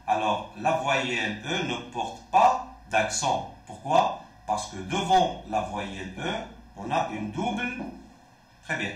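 A male teacher with a Moroccan accent explains a French lesson slowly. His pitch rises and falls a lot as he stresses each word. He sounds like he is in a very echoey room. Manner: slow, repeating words, asking then answering itself. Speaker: primary school French teacher. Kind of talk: classroom lesson.

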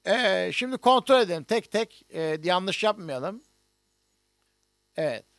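A man's voice: sits high, animated, measured pace, fairly bright tone. A middle-aged man, a music professor from Turkey, teaching an online notation lesson and explaining each step on screen with many hesitations.

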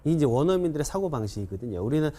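A man teaching an English writing lesson, quizzing viewers with questions and leading slow repetition drills. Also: a little high. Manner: animated, coaxing, keeps asking students questions; repeats drills slowly, counts learners in. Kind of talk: classroom-style video lecture.

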